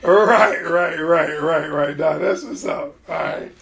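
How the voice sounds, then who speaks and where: A man's voice: a little high, takes it slowly, gravelly, fairly bright tone. A man hosting a motivational podcast, telling his story in an earnest, conversational way. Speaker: podcast host.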